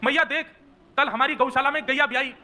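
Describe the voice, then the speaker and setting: A man voicing a mischievous toddler boy god, whining and pleading in a high childlike voice. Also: fairly quick, sharp tone, a little hiss or hum, exaggerated voice. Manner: pleading, tearful complaining.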